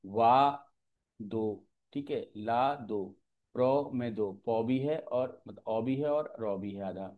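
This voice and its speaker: A man teaching an exam-prep lecture, explaining step by step and often pausing to check that students follow. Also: mid-range voice, phone-quality sound.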